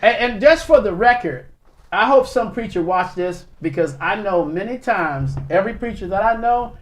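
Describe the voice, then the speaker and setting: A woman's voice: mid-range voice, expressive, normal speed, background noise. Blunt, emphatic woman co-host. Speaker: co-host teaching. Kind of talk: casual teaching chat.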